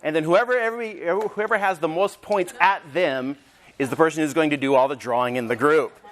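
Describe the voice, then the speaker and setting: A man presenting a hands-on teacher training workshop, upbeat and energetic as he demonstrates to a room of teachers. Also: on the high side, brisk. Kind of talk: live teacher training session. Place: conference room with audience.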